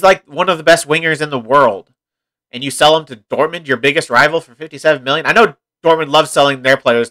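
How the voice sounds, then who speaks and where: A man's voice: a little high, sharp tone. A young man chatting casually through a football management game, rambling and reacting to the match as he plays. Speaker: gaming commentator. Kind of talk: casual let's-play commentary.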